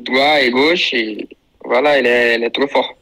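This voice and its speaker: Man, guest player, bright tense voice, mid pitch, short simple non-native phrasing. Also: steady tone, measured pace, rough recording. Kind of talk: casual interview answers.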